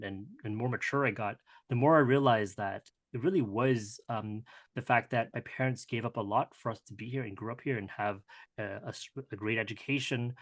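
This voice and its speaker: Halting, conversational man in his thirties. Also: lowish voice. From Hong Kong, raised in Canada. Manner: conversational, halting with many restarts and fillers. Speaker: guest entrepreneur. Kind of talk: casual interview answers.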